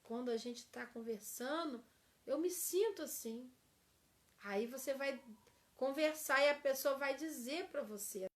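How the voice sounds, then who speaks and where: High-voiced woman teaching couples. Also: measured pace. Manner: acts out example phrases, asks the class "né?". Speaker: church seminar teacher.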